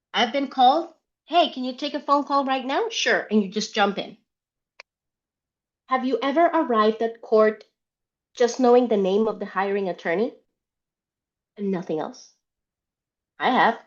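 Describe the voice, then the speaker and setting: Woman presenter from Colombia, mid-pitched, conversational trainer, candid asides, dull online audio. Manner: chatty and candid, with rhetorical questions and quoted asides. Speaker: interpreter leading a training workshop.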